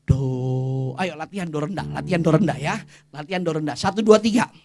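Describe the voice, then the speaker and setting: A male pastor, preaching a lively, humorous sermon and leading the congregation in call-and-response. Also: a little high, fast talker. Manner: energetic, jokes and leads call-and-response with congregation. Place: church service.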